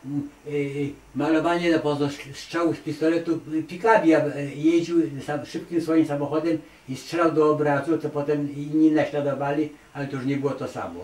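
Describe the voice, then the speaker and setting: A man's voice: on the high side, fairly even intonation, brisk, hardly any pauses, a little mellow. Artist guy in an interview, emphatic and rambling, lots of ums, mic far away, roomy echo. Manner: emphatic, digressive, with many hesitations and repeated "nie". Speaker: artist interviewed as award laureate. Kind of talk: conversational interview answers. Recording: echoey room, distant mic, faint noise.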